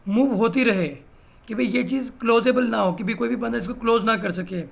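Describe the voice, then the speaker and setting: A man with a fairly high, gravelly voice walks through a software tutorial one click at a time. He explains each step plainly in a teacherly way, tossing in "भाई" as he goes. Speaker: web design instructor. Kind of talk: screen-recorded software tutorial.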